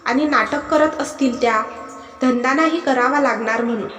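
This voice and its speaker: A woman voicing a sharp-tongued young wife. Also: high-pitched, moderate pace. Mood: angry complaining. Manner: complaining, raises her voice. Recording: echoey hall with music behind.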